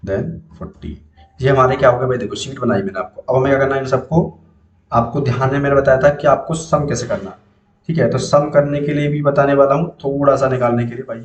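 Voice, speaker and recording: A man's voice: medium pitch, reverberant, dull audio. A man teaching spreadsheet basics step by step, asking and answering his own questions. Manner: explains step by step, repeats questions to students. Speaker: computer teacher. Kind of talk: screen-recorded spreadsheet tutorial.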